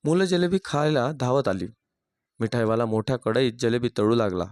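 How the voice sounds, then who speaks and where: A man narrating a moral story in a steady, plain read-aloud manner. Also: mid-range voice, moderate pace, clear, resonant tone, no echo, studio quality.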